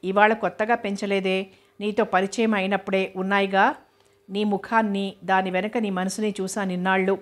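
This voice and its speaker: Woman reading as a shy stubborn young girlfriend in a storybook, demure but snappy, flat-ish tone. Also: mid-range voice, normal speed, natural voice. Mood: wary. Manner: demure but sharp-tongued. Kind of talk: audiobook character reading.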